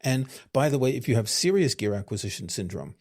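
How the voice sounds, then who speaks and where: A man co-hosting a podcast in casual chat, thoughtful with dry sarcasm, often pausing to rephrase. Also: medium pitch, sing-song. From living in Europe. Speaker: podcast co-host.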